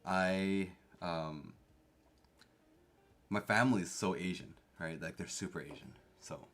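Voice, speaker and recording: This young man talks in a low, fairly bright voice at an unhurried pace. Canadian, with Korean as his home language growing up, he's casually chatting with stream viewers, reading comments out loud and defending himself in a playful, chatty way.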